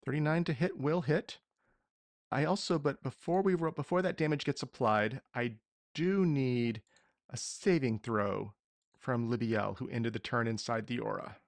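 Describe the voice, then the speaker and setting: Male game master for a tabletop session, mid-range pitch, very dry recording. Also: normal speed, creaky, no echo. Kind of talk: running a tabletop roleplaying game.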